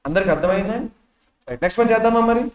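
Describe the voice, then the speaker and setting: Fast-talking high-voiced Telugu teacher. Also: male voice, animated. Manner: constant quizzing questions, repeats key words. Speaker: English teacher for bank exam prep. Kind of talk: classroom lecture explaining test questions. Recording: echoey classroom sound.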